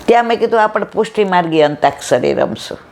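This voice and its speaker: Speaking a bit fast in a mid-range, slightly mellow voice, this woman delivers an expressive devotional discourse full of stories, performing each character's lines in a chatty style. Some background noise is audible.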